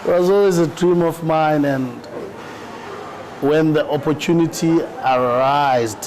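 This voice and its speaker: A man's voice: fairly high pitch, unhurried, a little mellow, slight background noise, rough recording. South african guy in his 30s chatting on a podcast, laid back, keeps saying you know. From South Africa, Eastern Cape. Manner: easygoing, repeats words, often says "you know". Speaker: rapper and actor, guest. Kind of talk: relaxed podcast interview.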